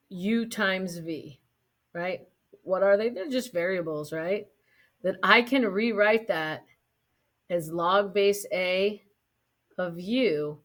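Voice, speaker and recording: A woman teaching a math class in a casual lecture, often checking in with her students and adding light jokes. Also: on the low side. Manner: casual, keeps checking in with "right?"; light joking asides to students.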